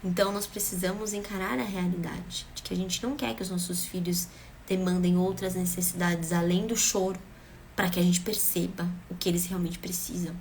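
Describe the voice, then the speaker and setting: A woman's voice: on the low side, fairly even intonation, fairly quick, a little mellow, a little hiss or hum. A woman speaking earnestly and emphatically, giving parenting advice straight to the camera and repeating phrases for rhythm. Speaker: parenting vlogger.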